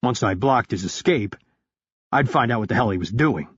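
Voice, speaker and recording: Husky man narrating a thriller. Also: mid-range voice, animated, normal speed, no echo, dull audio. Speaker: audiobook narrator. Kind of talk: first-person thriller narration.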